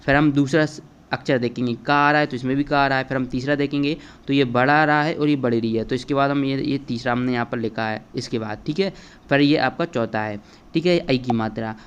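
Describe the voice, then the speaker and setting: A man's voice: mid-range voice, fairly even intonation, fairly quick, smooth, muffled recording. A male teacher walking children through an exam paper step by step, checking in often as he explains. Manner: explains step by step, addresses children, repeats "है ना" and "ठीक है". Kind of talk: exam paper walkthrough lesson.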